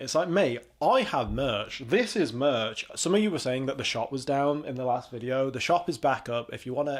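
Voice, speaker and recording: Sarcastic, swearing young male commentator. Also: mid-range voice. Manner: profane, rambling, sarcastic. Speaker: commentary host. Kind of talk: casual commentary.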